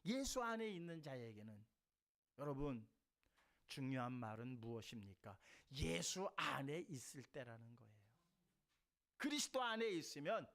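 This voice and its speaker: A man preaching a sermon as a church pastor. He reads scripture aloud with the congregation, and his voice swings between loud, high emphatic preaching and soft, low asides. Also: very animated, normal speed, vocal fry. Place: church sanctuary.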